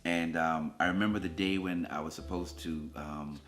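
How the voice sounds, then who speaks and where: Deep-voiced man telling his love story. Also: steady tone, normal speed, fairly bright tone. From Jamaica. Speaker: co-host, husband. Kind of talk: casual chat.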